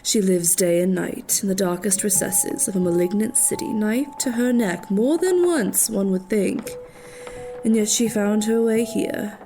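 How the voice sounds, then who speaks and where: A woman narrating the last memories of an orphanage matron, in a measured, scripted storytelling voice. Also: mid-range voice, expressive. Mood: ominous. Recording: narration over loud music.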